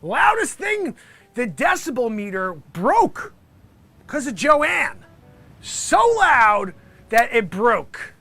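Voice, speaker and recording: Male comic as aggrieved live weather reporter: very high-pitched, forceful edge, exasperated, rambling, music underneath. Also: sing-song, slow pace, vocal fry, dry recording. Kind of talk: improvised mock news report, ranting monologue.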